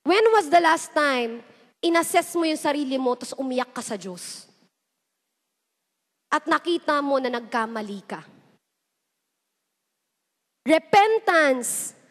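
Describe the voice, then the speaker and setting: A woman's voice: sits high, animated, slow, long pauses. A young woman preaching a youth sermon in a mix of Tagalog and English, retelling stories and voicing the people in them. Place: church hall. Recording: echoey church hall.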